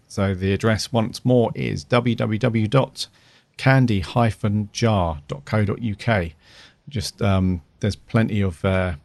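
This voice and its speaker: A man's voice: fairly low pitch, a little mellow, no echo. A man chatting casually as a podcast host. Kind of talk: casual chat.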